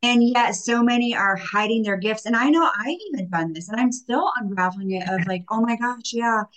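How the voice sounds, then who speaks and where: A woman's voice: medium pitch, a little fast, rough recording. A woman hosting a faith-centered interview, reacting in an effusive, emotional way. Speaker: host. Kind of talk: podcast interview.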